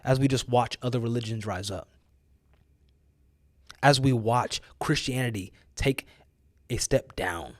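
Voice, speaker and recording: A man's voice: medium pitch, unhurried, pauses often, dry recording. American man preaching with emphatic urging. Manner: exhortative, emphatic, repeats phrases for effect; casual youthful slang. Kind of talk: motivational preaching, informal.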